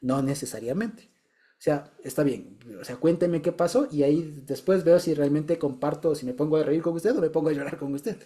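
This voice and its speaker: Man, fairly high mellow voice, casual group testimony, keeps checking listeners follow. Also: moderate pace. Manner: chatty, repeats words and checks in with listeners. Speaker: Bible study group member.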